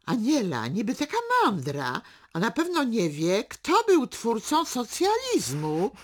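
A woman reading aloud as a loud, boastful, self-pitying father who shouts and blusters. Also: mid-range voice, very animated, measured pace, gravelly, pitched above the performer's own voice, heavily acted. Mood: blustering. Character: loud boastful middle-aged father, bitter braggart.

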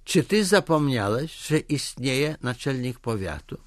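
Man reading as a bullying district chief, shouting threats, pitch swinging high and low, dry close sound. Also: big pitch swings, a little slow, dry recording. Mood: angry. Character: blustering male district chief, bullying official.

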